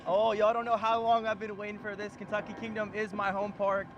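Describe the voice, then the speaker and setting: An American man vlogging outdoors on a roller coaster, whooping and exclaiming excitedly over loud wind and ride noise. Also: high-pitched, brisk, lo-fi sound.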